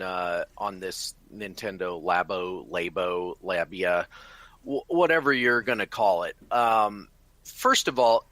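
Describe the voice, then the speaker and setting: A man's voice: lowish voice, sharp tone, dry recording. A man co-hosting a casual gaming podcast, explaining his opinions at length. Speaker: podcast co-host.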